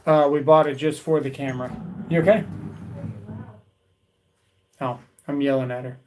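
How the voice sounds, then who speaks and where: A man with a steady, medium-pitched, slightly mellow voice hosts a live tool video at a moderate pace on a rough recording with a bit of hiss or hum. He rambles in casual chat with viewers, repeating words and calling them "guys" and "dude."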